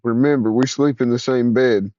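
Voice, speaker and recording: A man's voice: medium pitch, steady tone, normal speed, mellow, lo-fi sound. A man casually dictating notes in an offhand, self-correcting way. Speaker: user giving instructions. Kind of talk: casual spoken prompts.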